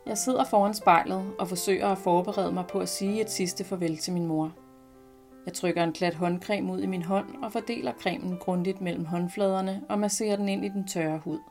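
A woman reading her own first-person story aloud in a calm, quiet, reflective manner. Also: medium pitch, faint music behind. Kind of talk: scripted first-person narration.

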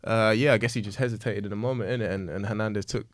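A man's voice: on the low side, fairly even intonation, very fast, no room sound. A man with a London roadman accent chatting casually about football as a podcast co-host, using heavy street slang and repeating phrases for emphasis. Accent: London roadman, multicultural London English.

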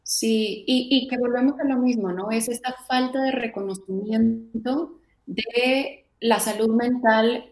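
A woman's voice: a little high, slow, echoey room, low-quality recording. A woman, a guest in an interview, speaking expressively and acting out examples. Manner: warm, expressive, acts out examples with lively voices. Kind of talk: conversational interview.

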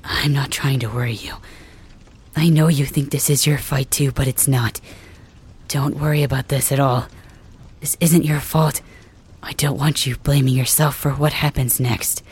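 A woman performing a wounded warrior leader who can't move and drifts toward sleep, speaking in a weary half-whisper. The voice is low, slow and husky. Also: a little mellow, heavily acted. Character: wounded, paralyzed young warrior leader, proud and protective. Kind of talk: ASMR roleplay audio drama.

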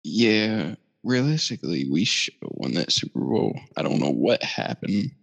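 A man's voice: fairly low pitch, very animated, normal speed, gravelly. A man co-hosting a casual sports podcast, laid-back, swearing and laughing as he talks. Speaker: podcast co-host. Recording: roomy echo, dull lo-fi sound.

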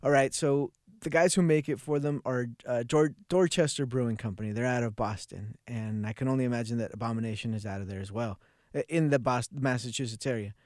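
A man's voice: medium pitch, steady tone, fairly quick, a little mellow, no echo, clean studio sound. A man co-hosting a podcast in casual chat, laid-back and often trailing off to restart his sentences. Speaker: podcast co-host.

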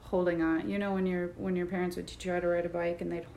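A young woman co-hosts a casual podcast, talking thoughtfully and reflectively. Her voice is lowish and warm, her delivery flat and fast, and the room is echoey with faint noise.

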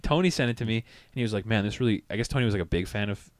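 A man's voice: fairly low pitch, very fast, background noise. A man in his twenties co-hosting a podcast, joking crudely, swearing and laughing often. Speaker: podcast co-host. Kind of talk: crude casual banter.

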